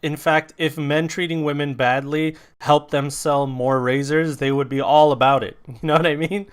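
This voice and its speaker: A man's voice: on the high side, normal speed, smooth. A young man co-hosting a podcast, venting bluntly with frequent swearing in casual chat. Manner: blunt, profane, animated venting. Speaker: podcast co-host.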